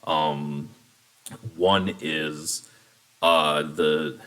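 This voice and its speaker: A man with a very deep, low voice speaks for a union coalition at a bargaining table. He talks in a measured, deliberate way and slows down to spell out his data requests clearly. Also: steady tone, fairly bright tone. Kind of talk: formal negotiation statement.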